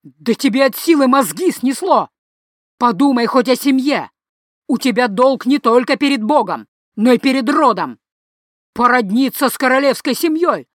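A woman reading an audiobook voices an angry, domineering noble father who scolds his son loudly. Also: lowish voice, expressive, a little slow, husky, no room sound, clean studio sound. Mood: furious. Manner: shouting, scolding harshly.

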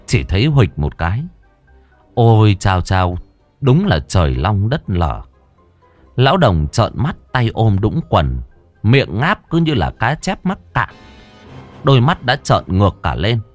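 A man's voice: lowish voice, very animated, unhurried, faint music behind. A man narrating a comic folk tale in a playful, exclamatory way. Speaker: storyteller.

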